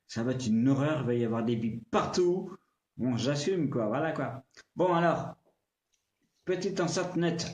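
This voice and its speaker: A tech reviewer casually reviews a small speaker on a livestream, chatty and playful, speaking straight to the viewer with "tu" and occasionally swearing. His voice is mid-range and a little mellow, and the sound is reverberant.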